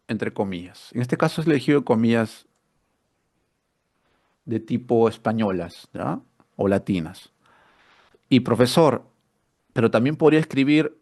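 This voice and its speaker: Male teacher, explanatory, mid-pitched voice, rhetorical questions. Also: a little mellow. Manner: explanatory, asks rhetorical questions, repeats words. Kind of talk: online spelling workshop lesson.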